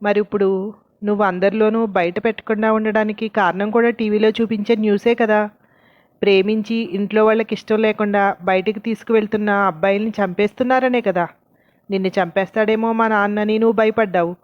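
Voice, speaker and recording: A hurt young woman in a story reading, full of doubt and reproach, as a woman narrator voices her. Her middle-pitched voice comes through a dull, lo-fi recording. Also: fairly even intonation, a little fast, natural voice. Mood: reproachful.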